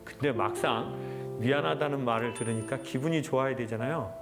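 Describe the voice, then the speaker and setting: Man giving a reflective storytelling lecture. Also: mid-range voice. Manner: earnest, reflective, speaks in short measured phrases. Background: background music.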